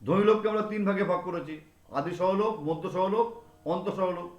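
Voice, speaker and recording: A man's voice: high-pitched, fast talker, highs cut off. A male teacher giving a classroom grammar lesson, repeating example words over and over to drill them in. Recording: echoey room.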